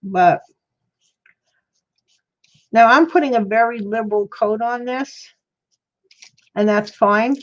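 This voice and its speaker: A woman's voice: medium pitch, muffled recording. A woman with slightly mushy, toothless articulation, chatting casually and thinking aloud as she hosts a craft livestream. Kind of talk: casual chat while demonstrating crafts. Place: indoor craft worktable.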